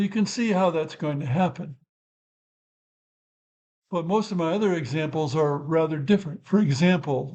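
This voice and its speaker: An older man hosts his own channel, rambling thoughtfully through a topic without a script and correcting himself in asides as he explains. His voice is a little high and slightly mellow, captured in a low-quality recording.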